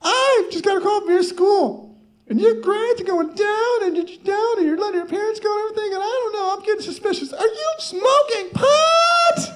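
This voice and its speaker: Angry nagging mom, shrill and urgent, put on by a male comic. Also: normal speed, fairly bright tone. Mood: scolding. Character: angry suspicious middle-aged mother scolding.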